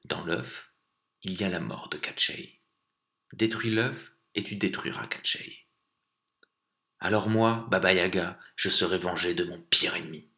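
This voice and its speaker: Baba Yaga, hushed old witch, as a man puts her on. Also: sits low, steady tone, a little slow, heavily acted. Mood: hushed, secretive. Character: scheming old witch, vengeful crone.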